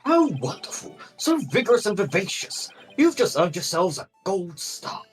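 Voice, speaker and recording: Flamboyant game professor, played by a man: high, very animated voice, grandiloquent and full of pomp. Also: normal speed, distant mic, faint music behind. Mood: grand, delighted. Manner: grandiloquent, exclaiming, flowery. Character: flamboyant, pompous male law professor, grandly theatrical.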